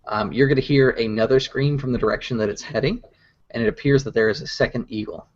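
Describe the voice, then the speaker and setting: A man narrating as game master of a tabletop game, pausing often with fillers. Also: medium pitch. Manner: hesitant, many fillers. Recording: dull lo-fi recording.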